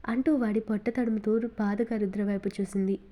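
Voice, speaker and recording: A woman reading a romance novel aloud as an audiobook narrator, in steady storytelling style. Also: mid-range voice, a little fast.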